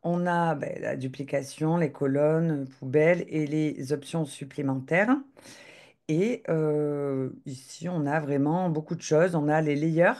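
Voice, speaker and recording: Woman doing a live demo on a call, soft mellow voice, lots of "euh", keeps restarting. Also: sits low, a little slow. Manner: hesitant, many filler sounds and restarts. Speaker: web designer giving a live software demo. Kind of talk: live screen-share demo over a video call.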